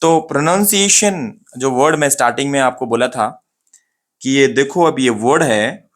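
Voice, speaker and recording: Man drilling pronunciation, slow and repetitive. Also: mid-range voice. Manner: repeats words slowly to model pronunciation, asks and answers himself. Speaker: English pronunciation teacher. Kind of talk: casual spoken lesson to camera.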